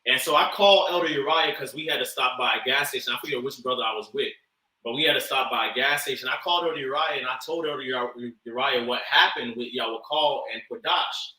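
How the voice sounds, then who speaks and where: Bright-voiced man speaking from off the mic. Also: medium pitch, fast, recorded from a distance. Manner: loose, swears, filler-heavy. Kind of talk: casual storytelling. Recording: echoey room, off the mic.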